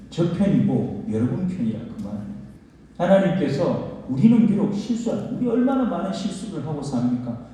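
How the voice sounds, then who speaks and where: A man's voice: high voice, mellow. A male pastor preaching a sermon in a folksy storytelling manner, asking the congregation questions. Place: church sanctuary. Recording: echoey church hall from far off.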